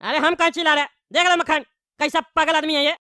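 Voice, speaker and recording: A woman's voice: sits high, fairly even intonation, fast, bright, forceful tone, no echo, clean studio sound. A woman voicing a rude, hot-headed bald widower who rants with insults and threats. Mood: angry. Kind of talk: cartoon voice acting.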